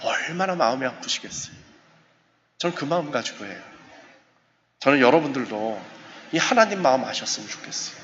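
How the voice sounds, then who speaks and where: A man, a professor, giving a lively seminar talk in a church, acting out little exchanges with his listeners. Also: medium pitch, brisk, pauses often. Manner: animated, acts out short dialogues with the audience. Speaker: professor lecturing on suicide prevention. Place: church sanctuary. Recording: muffled recording, long church reverb, faint hiss.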